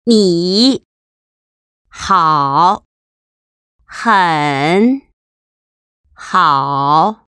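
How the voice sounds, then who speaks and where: Woman giving slow, crisp pronunciation drills. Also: on the low side, expressive, fairly bright tone, dry recording, clean studio sound. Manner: slow, carefully articulated model syllables. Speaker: language teacher.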